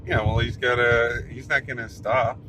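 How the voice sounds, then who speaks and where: A man's voice: mid-range voice, fairly even intonation, normal speed, background noise. A man hosting a casual wrestling chat while driving, easygoing with trailing restarts. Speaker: host. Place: inside a moving car.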